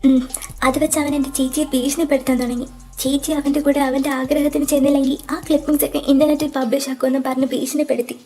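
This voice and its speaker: A woman voicing a young college girl who is a loyal, wronged younger sister in an audio drama, speaking softly and breathily, near tears. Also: sits high, flat delivery, fast talker, faint music behind. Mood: grim recounting. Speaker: voice actor in fan audio drama.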